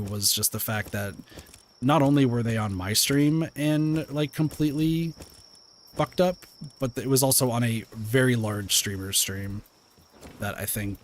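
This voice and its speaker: The audio carries a slight hiss or hum as a man with a soothing, mid-range voice chats casually with viewers while playing a game on stream. His rambling is thick with fillers and restarts, peppered with occasional mild swearing.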